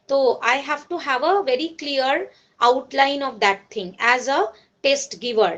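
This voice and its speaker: A woman's voice: sits high, a bit bright. A woman college lecturer with a Bengali accent, teaching a class in a mix of Bengali and English, with many fillers and self-corrections.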